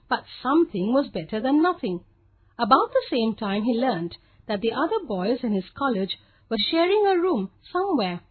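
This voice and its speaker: A woman with an Indian English accent reads a textbook story aloud, clear and expressive. Her voice sits high and rises and falls a lot. The sound is dry and close to the mic. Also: no room sound, narrow, tinny audio. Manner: clear, expressive, measured reading. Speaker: textbook audio narrator.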